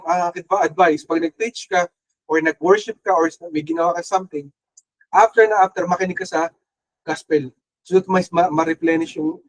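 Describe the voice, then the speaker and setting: A young adult man with a Filipino accent delivers a sermon in a high voice. He moves freely between Tagalog and English and gives voice to the people in his story. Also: low-quality recording. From Philippines. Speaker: pastor.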